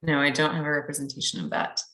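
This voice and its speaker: A woman's voice: low-pitched, fast talker, a bit bright, echoey room. A woman staff member presenting plans at a public meeting, hesitant with many ums.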